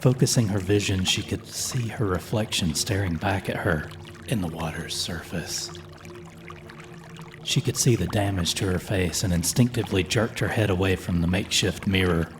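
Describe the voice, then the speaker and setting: A man reading a folklore horror story as a slow, measured, solemn scripted narration. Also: sits low, background noise. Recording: music playing under the voice.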